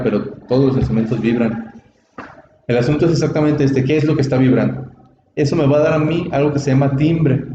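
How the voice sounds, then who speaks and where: Man lecturing in an echoey room. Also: medium pitch. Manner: explanatory, asks the class for agreement often. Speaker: workshop instructor. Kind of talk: classroom lecture. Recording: echoey room, dull audio, background noise.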